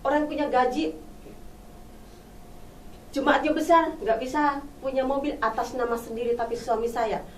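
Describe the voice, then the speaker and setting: A woman's voice: high voice, steady tone, moderate pace, long pauses, a little hiss or hum. A middle-aged woman, a pastor's wife, giving a fervent testimony on a church talk show, telling her story and rising into exclamations. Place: studio talk show set. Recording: echoey room, distant mic.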